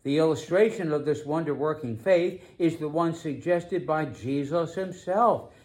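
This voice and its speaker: A man preaching a sermon as pastor, emphatic, slowing down to stress key phrases. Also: on the high side, darkish tone.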